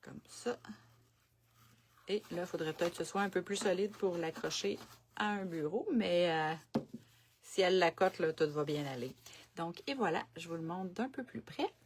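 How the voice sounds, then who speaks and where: A woman's voice: on the low side, normal speed, slight background noise. A woman with a Quebec French accent giving a casual live craft demo at her home desk, chatting and thinking aloud as she works. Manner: chatty, thinks aloud while working, many fillers. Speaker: craft demonstrator on a live stream. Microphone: camera set on the desk.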